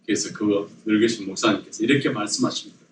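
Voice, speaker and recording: A man's voice: on the low side, fast talker, a little hiss or hum. A man preaching a sermon as pastor, telling a joke story and prompting the congregation to repeat after him. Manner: lively storytelling with jokes and audience prompts. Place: church sanctuary. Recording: echoey church hall, mic at a distance.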